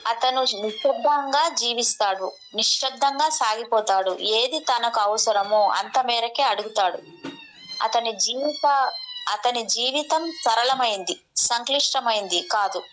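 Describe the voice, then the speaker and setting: A woman slowly reading a spiritual text aloud, with a few restarts. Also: a little high, fairly bright tone, a little hiss or hum, rough recording. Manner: slow, measured reading with restarts.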